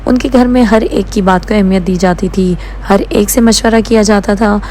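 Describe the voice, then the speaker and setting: A woman's voice: medium pitch, fairly even intonation, a little mellow, a little hiss or hum. A woman narrating a novel as an audiobook, reading every character's lines herself and changing her tone for the dialogue.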